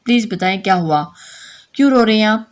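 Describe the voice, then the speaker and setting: Devoted, pouting young girlfriend in an audio novel, read by a woman narrator; mid-pitched. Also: lively intonation, a little fast, natural voice. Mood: worried.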